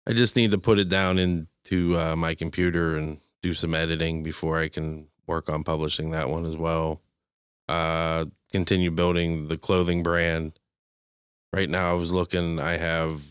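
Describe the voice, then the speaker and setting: A man's voice: very deep voice, clear, resonant tone, no room sound, clean studio sound. A man guest on a casual podcast chat, talking hesitantly and often repeating his first words. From Pittsburgh area, US.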